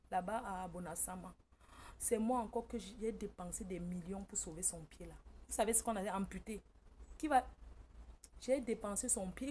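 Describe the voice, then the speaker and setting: A woman from Cameroon speaks, recounting a personal story to her viewers as a casual monologue. Her delivery is emphatic and she acts out what her relatives said, with her voice sitting at an ordinary middle pitch. A faint noise sits under her voice. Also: a little mellow. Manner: emphatic, tells the story by quoting family members, often breaks into laughter. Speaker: vlogger.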